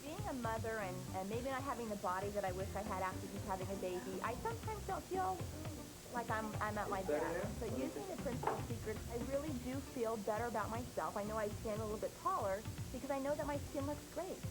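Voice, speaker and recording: A woman's voice: on the high side, animated, quick pace, loud music behind the voice, low-quality recording. A young woman giving a sincere, confessional product testimonial. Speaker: testimonial customer.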